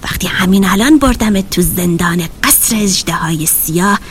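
Woman doing a hissing, menacing fire dragon. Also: natural voice. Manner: low, hissing, threatening whisper. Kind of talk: children's audio story.

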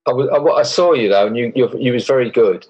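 A middle-aged man with a broad Essex accent and a husky voice at an ordinary male pitch. He talks in a casual, plain-spoken style, dropping slang and the odd swear word as he tells his stories. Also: quick pace, a little mellow, rough recording. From Essex, England. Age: middle-aged or older. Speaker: volunteer barber for homeless people. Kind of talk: casual chat, telling anecdotes.

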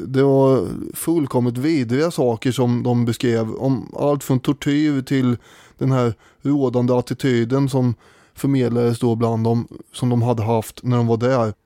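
A man's voice: medium pitch, mellow, dry recording, studio quality. A man co-hosting a casual history podcast, thoughtful and hesitant, with frequent fillers as he talks. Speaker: podcast co-host.

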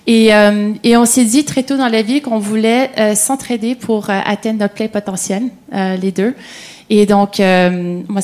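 A woman's voice: mid-range voice, a little mellow. A Canadian woman in her forties with a Québécois accent, introducing herself on a live podcast panel in a hesitant way with many fillers. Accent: Québécois French. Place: theatre stage.

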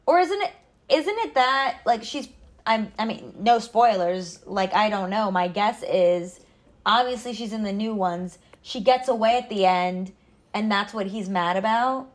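A woman's voice: medium pitch, measured pace. A woman co-hosting a podcast, joking and laughing in loose casual chat about a movie. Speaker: podcast co-host.

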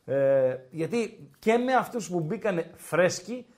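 A man hosting a casual podcast chat over a live match, giving betting picks with teasing remarks and drawn-out hesitations. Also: high voice, expressive, a little mellow. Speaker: podcast host and betting tipster.

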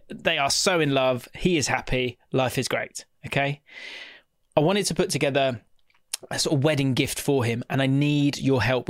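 A man's voice: medium pitch, smooth, no room sound, clean studio sound. A man hosting a podcast in a casual, rambling way, gushing and effusive as he appeals to his listeners. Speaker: podcast host.

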